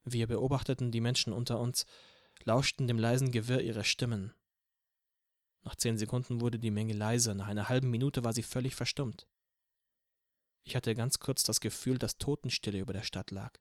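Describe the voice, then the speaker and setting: A man's voice: mid-range voice, normal speed, dry recording. Man narrating an audiobook, dry and close. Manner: steady first-person storytelling. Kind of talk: scripted narration.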